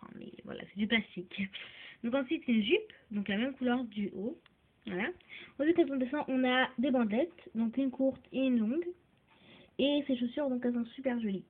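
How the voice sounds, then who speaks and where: A woman giving a casual toy review, hesitant and filling her talk with restarts and small filler words. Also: a little high. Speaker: doll reviewer. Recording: tinny phone-like recording.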